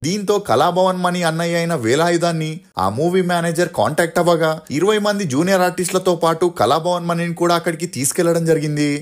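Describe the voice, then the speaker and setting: Fast-talking man narrating a dramatic story. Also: a little high, steady tone. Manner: brisk, dramatic questions to hook the viewer. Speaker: narrator of a true-story video channel.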